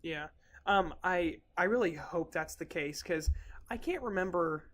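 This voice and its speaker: A man's voice: high-pitched, expressive, unhurried, a bit bright. A young man co-hosting a podcast, chatting casually in a playful, easily amused way. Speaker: podcast co-host. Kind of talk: casual chat.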